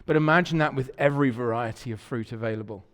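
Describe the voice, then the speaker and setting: Quick-paced and medium in pitch, a pastor shares stories in a conversational sermon inside a church sanctuary. He is warm, and he repeats words frequently while searching for what to say next. The recording has church hall reverb.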